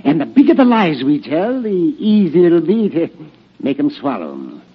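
An actor playing a scheming small-town banker in an old radio western, stirring up a crowd in an oily, wheedling manner. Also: male voice, a little high, wildly swooping pitch, normal speed, breathy edge, heavily acted. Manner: rabble-rousing, wheedling and oily. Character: scheming smooth-talking small-town banker, male, middle-aged. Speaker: villain. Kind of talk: 1940s radio acting. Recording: dull old radio recording.

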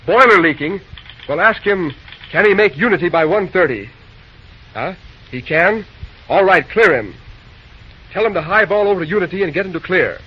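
An actor playing a busy young railroad dispatcher in an old-time radio drama, talking briskly in folksy slang. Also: male voice, high voice, expressive, breathy edge. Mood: brisk, urgent. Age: young adult. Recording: dull, noisy old radio recording.

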